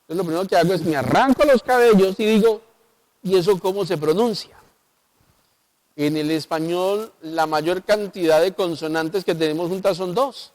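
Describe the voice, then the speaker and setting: Man, pastor, Colombian accent, high voice, televised Bible lesson, rhetorical questions. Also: normal speed, hardly any pauses, a little mellow. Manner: explanatory, asks the audience rhetorical questions. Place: local TV studio.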